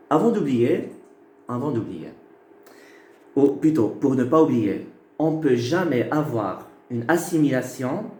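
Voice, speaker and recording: Slow, patient male teacher in echoey room. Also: medium pitch, a little mellow. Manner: slow, patient, repeats key words. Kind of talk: phonetics lecture. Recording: echoey room with faint noise.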